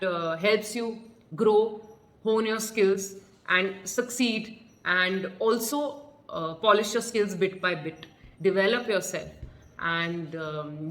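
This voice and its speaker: A woman's voice: mid-range voice, fairly bright tone. A woman with an Indian accent giving an explanatory coaching talk as a pageant coach, earnest and instructive, repeating points for emphasis. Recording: roomy echo.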